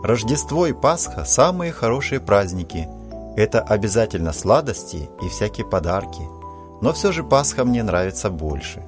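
A man voicing an eager schoolboy who boasts about holiday treats in a lively, excited way. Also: lowish voice, normal speed, music in the background, close to an everyday voice.

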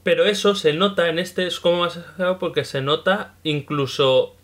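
A man with a Spain Spanish accent in casual chat, telling lively stories and acting out bits of dialogue. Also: on the high side, moderate pace. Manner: lively storyteller, acts out characters' remarks. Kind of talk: casual chat about a video game.

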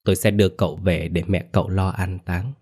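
A man voicing a calm male spirit medium who speaks in a slow, grave, measured way. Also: sits low, husky.

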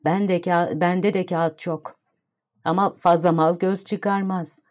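A woman voicing a sharp-tongued young female street bun seller, curt and quick to snap back, in an audiobook reading. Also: on the low side, fairly even intonation. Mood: dry.

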